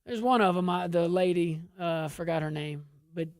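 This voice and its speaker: A woman's voice: fairly low pitch, normal speed, darkish tone, no room sound, studio quality. A woman with an Arkansas Southern accent giving informal political commentary, emphatic and repeating phrases for stress.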